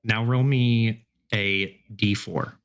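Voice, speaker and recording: A man running a tabletop game as game master, giving rulings in a relaxed, matter-of-fact way. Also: on the low side, slow, smooth, lo-fi sound.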